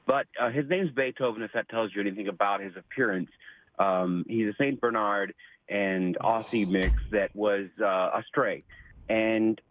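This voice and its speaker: A man's voice: lowish voice, moderate pace, dry recording. A man calling in over a speakerphone on a phone line, chatting politely with hesitant fillers. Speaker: caller. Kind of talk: casual call-in chat.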